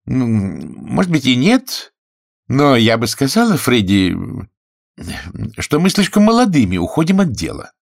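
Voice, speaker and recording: A man's voice: medium pitch, sing-song, a little slow, creaky, no echo, studio quality, voice pushed up. A man reading a story aloud and voicing a cheeky, restless young woman thief with a coy, teasing manner. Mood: defiant. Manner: coy, teasing, then defiant. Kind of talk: audiobook character voice.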